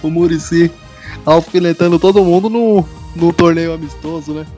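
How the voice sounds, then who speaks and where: A man's voice: fairly high pitch, fairly even intonation, normal speed, mellow, soft background music. A Brazilian man in casual, conversational football chat as a show host.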